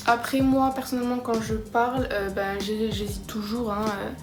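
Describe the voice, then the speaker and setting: A young woman vlogger chatting casually to camera, self-mocking and excitable. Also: fairly high pitch, moderate pace. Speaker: vlogger tracking her language learning. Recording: roomy echo with background music.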